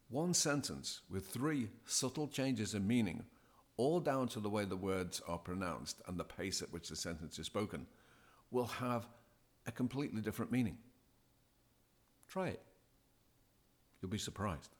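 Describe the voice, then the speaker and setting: A man speaking as a podcast guest, giving deliberate, emphatic advice as a DJ coach. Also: on the low side, animated. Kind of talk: measured, scripted-sounding advice.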